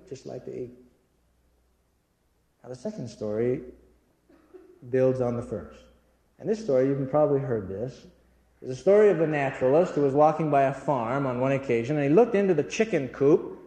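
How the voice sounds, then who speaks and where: A man's voice: on the high side, a little mellow. Man telling stories in an echoing hall. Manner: earnest, storytelling, addresses audience directly. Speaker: church speaker. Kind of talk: inspirational church talk with storytelling. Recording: echoey hall with long reverb.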